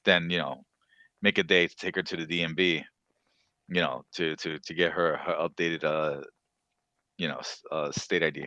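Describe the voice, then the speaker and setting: A man's voice: a bass voice, fairly even intonation, normal speed, long pauses, pushed and bright, no room sound, muffled recording. A man hosting a casual podcast, talking in a loose, rambling way with plenty of asides. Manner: rambling, swearing, many "you know" asides. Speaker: podcast host. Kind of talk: casual chat about games and shows.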